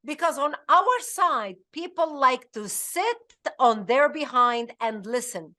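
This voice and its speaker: Her voice sits high with a sharp edge, animated yet slow. She is a middle-aged woman from Lebanon presenting political advocacy content, pressing her points with urgency and emphasis while often breaking off and beginning again.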